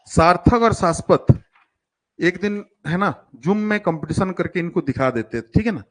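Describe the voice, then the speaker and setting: A man's voice: sits high, lively intonation, normal speed. A man teaching children math in a live online class, coaxing and teasing his pupils and mixing English terms into his talk. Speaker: coaching teacher for school entrance exams.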